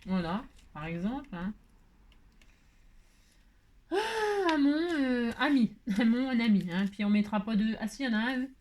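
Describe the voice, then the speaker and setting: A woman's voice: on the high side, fairly quick, hardly any pauses, darkish tone. Chatty woman doing a craft tutorial. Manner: chatty, self-mocking, laughs often, many fillers. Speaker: craft video host. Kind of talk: casual crafting tutorial chat.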